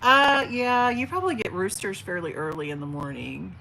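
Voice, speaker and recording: With a medium-pitched, expressive voice that's pushed and bright and shows vocal fry, this woman in her forties moves at a moderate pace. She hosts a casual livestream from home near an open window, birds audible, reading viewer comments chattily and affectionately in a big teacher voice with many fillers and restarts. The audio is poor, with slight background noise.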